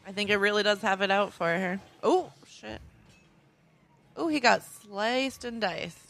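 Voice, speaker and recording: A woman's voice: mid-range voice, unhurried, gravelly, a bit bright. A woman co-hosting a casual movie podcast, chatty and giggly, poking fun at herself. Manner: chatty, giggly, self-mocking. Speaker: podcast co-host. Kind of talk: casual movie-watching chat.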